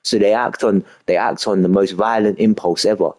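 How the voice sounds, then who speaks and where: A young man streams a game and rambles casually, speaking in a steady, slightly mellow voice on the low side at normal speed. He's emphatic and repetitive, frequently tossing in "you know what I mean."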